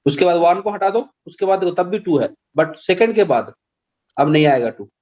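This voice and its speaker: A man teaching an online maths class, slowly quizzing his students with patient questions. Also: high voice, expressive, a little mellow, dull audio.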